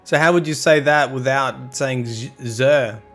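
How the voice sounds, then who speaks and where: A man's voice: mid-range voice, measured pace, fairly bright tone, faint music behind. Chatty man reading game lore live. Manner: chatty, trips over hard words. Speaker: live streamer.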